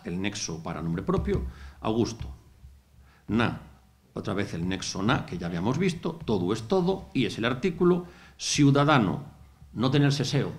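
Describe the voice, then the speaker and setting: Methodical lecturer, lowish voice. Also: male voice. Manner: explains word by word, methodical, with asides. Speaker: university lecturer. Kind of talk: academic lecture. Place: lecture hall.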